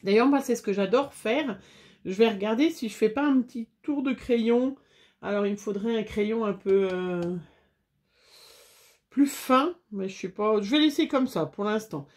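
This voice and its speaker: A woman's voice: fairly high pitch, normal speed, darkish tone. A woman chatting casually to viewers while making a scrapbooking craft, with frequent fillers.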